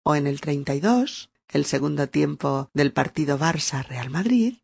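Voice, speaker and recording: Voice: mid-range voice, normal speed, vocal fry, breathy edge, dry recording. A teacher, giving a podcast language lesson, spelling words out letter by letter and laughing often. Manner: acts out example phrases with lively shifts in tone. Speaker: Spanish teacher.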